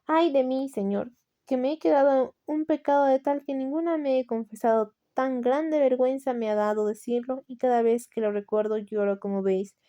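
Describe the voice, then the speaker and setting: A woman's voice: high voice, normal speed, dark tone, highs cut off, natural voice. A woman with a Latin American Spanish accent voicing a dying male sinner who feigns tearful, humble piety in a storybook reading. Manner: tearful, pleading, feigned humility. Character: dying male sinner, false pious penitent.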